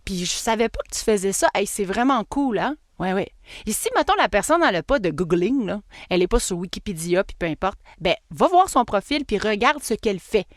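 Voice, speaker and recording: A woman with a Québécois accent, hosting a casual solo podcast in a chatty, animated way and laughing at herself. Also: mid-range voice, fairly quick, no room sound. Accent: Québécois French. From Quebec. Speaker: podcast host and marketing coach.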